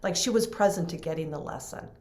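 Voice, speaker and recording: A woman's voice: on the low side, quick pace, darkish tone, reverberant. A woman in an interview telling an emotional personal story earnestly, acting out what others said. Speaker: guest. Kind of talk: casual storytelling in a podcast interview.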